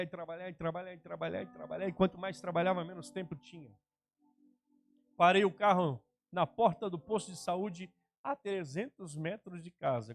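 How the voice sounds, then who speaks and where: A man preaches a personal testimony from the pulpit. His voice sits high and he acts out each exchange, rising to near shouts and dropping to near whispers. A faint music bed plays behind him. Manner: dramatic, acts out dialogue, swings from shouting to hushed. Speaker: pastor. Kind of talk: testimony sermon.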